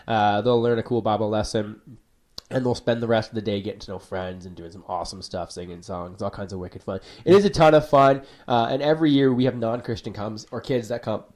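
A man's voice: lowish voice, brisk, a little mellow. A young man co-hosting a church podcast in casual chat, upbeat and slangy. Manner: slangy and upbeat, says bro and wicked.

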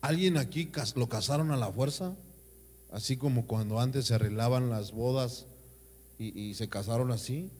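A man's voice: mid-range voice, moderate pace, darkish tone. A man, a pastor delivering an emphatic sermon with call-and-response. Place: church. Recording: reverberant church hall.

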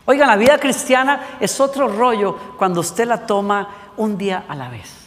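A man's voice: high voice, animated, normal speed, a bit bright, in a large hall. A young man, a worship leader, preaching a sermon with emphatic direct address to listeners, his force rising and falling.

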